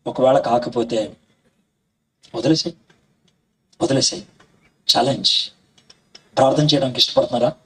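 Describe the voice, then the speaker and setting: A male preacher from Andhra Pradesh telling his own story as a sermon, acting out the dialogue with animated swings. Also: mid-range voice, normal speed, long pauses, slightly rough, poor audio. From Andhra Pradesh, India. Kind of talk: testimony sermon. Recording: faint background music.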